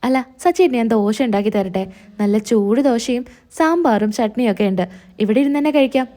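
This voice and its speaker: A woman voicing a gentle young wife who speaks in a soft, pleading, hurt way in a retold serial story. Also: a little high, a little fast, close to an everyday voice.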